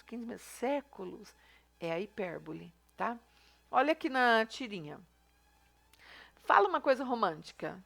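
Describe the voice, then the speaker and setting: A woman's voice: medium pitch, a bit bright. A woman teacher explaining a review lesson in a chatty way, often checking in with her students. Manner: chatty, explaining step by step with frequent "tá?" and "né?". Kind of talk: recorded class review lesson.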